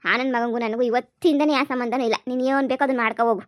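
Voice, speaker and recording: A woman's voice: a little high, steady tone, no echo, clean studio sound, close to an everyday voice. A woman voicing a stubborn, election-obsessed mother in a cartoon comedy, scolding and grumbling. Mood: defiant. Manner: scolding, grumbling, fast and defiant.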